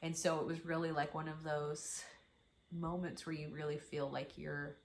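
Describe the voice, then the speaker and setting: A middle-aged woman chatting casually and from the heart as a vlogging mother, halting and emotional as she shares her feelings. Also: low voice, level tone, slight background noise. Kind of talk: casual, heartfelt vlog chat.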